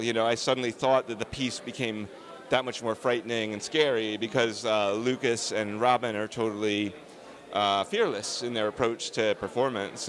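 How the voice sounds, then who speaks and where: A man's voice: lowish voice, fairly bright tone. A man, a film director, answering interview questions on a red carpet in an earnest, emphatic, discursive way.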